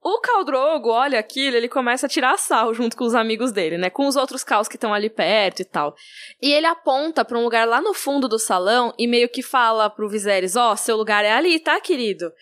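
A woman co-hosting a casual book-discussion podcast, retelling scenes in an animated storytelling way. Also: fairly high pitch, fairly quick. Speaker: podcast co-host.

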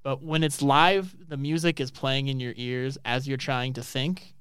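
Laughing, teasing American quiz host from Colorado, smooth, dry close sound. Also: male voice, medium pitch, steady tone, unhurried, fairly bright tone, dry recording. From Colorado, United States. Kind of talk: casual podcast chat. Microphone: studio microphone.

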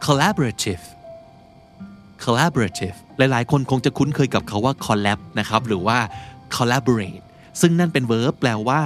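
A male podcast host talks through English words in a relaxed, chatty manner and slows right down to read each example. His voice rises and falls a great deal. Soft music plays quietly behind him. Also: medium pitch. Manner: chatty, explains with slow read-out example sentences. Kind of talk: casual English vocabulary lesson.

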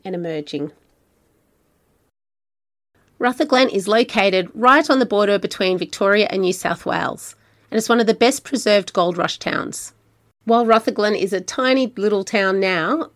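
A woman with an Australian accent hosts a wine travel podcast. She reads her narration in a friendly, conversational way and then chats easily with her guest. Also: medium pitch. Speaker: podcast host. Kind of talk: scripted narration and casual interview.

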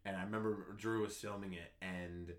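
New guy on a sports podcast, lowish voice, gets worked up and restarts a lot telling his story. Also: moderate pace. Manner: excitable storyteller, rambling with restarts. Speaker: podcast co-host. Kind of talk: casual sports chat.

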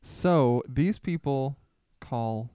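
A man's voice: medium pitch, extremely slow, dark tone, smooth, dry recording, clean studio sound. A man co-hosting a casual comedy podcast, speaking sarcastically and with mock exasperation. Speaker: podcast co-host.

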